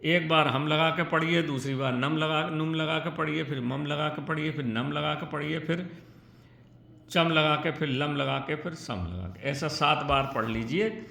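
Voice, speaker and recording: Gravelly-voiced man teaching devotional practice. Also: on the high side, a little slow, sharp tone. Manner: earnest, instructive, chants syllables and verses. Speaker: spiritual teacher. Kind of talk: devotional instruction talk. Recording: echoey room with faint ambience.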